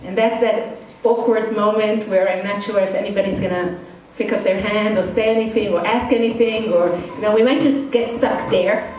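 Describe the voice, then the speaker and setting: A woman's voice: mid-range voice, steady tone, normal speed, hardly any pauses, a little mellow, a little hiss or hum. Middle-aged woman with an Israeli-Brooklyn accent, echoey hall. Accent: part Israeli, part Brooklyn. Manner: frank, casual, self-deprecating. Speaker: guest speaker. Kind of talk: informal talk to students. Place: indoor study hall. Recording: very echoey hall, far from the mic.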